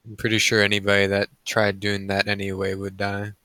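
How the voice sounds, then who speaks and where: A man's voice: fairly low pitch, completely flat delivery, fairly quick, pushed and bright, clean tone, no room sound. A man playing a tabletop game in character, speaking in a dry, matter-of-fact way. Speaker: player.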